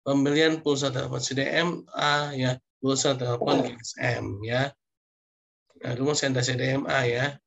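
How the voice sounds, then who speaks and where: A man's voice: medium pitch, steady tone, normal speed, vocal fry, a bit bright, highs cut off. A man lecturing online, reading through slide points with frequent "ya" and "nah" asides.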